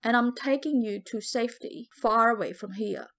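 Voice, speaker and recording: A woman's voice: on the high side, normal speed, gravelly. A woman playing a cold, stern soldier.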